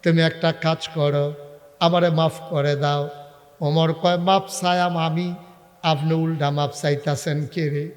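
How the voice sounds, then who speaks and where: Preacher guy, sermon, goes from chanty wailing to quiet storytelling, big echoey hall. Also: flat delivery, a little slow. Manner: swings from chanting wails to low storytelling. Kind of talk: Bengali waz sermon.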